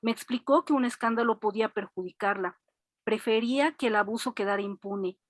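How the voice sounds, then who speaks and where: A woman student, reading a story aloud in an online class, lively and expressive. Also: fairly high pitch, a little fast, dry recording.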